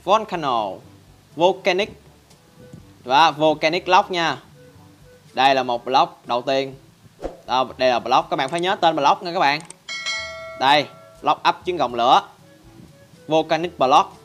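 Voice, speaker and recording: A man's voice: a little high, fairly bright tone. Chatty man narrating a tutorial. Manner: chatty, constantly addressing viewers. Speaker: Minecraft channel host. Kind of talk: casual game tutorial narration.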